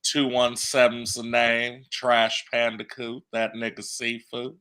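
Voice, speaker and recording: Man, podcast co-host, slangy laid-back chat, very bright forceful tone. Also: medium pitch, little pitch movement, slow pace, smooth. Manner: laid-back slangy talk, frequent "you know what I'm saying".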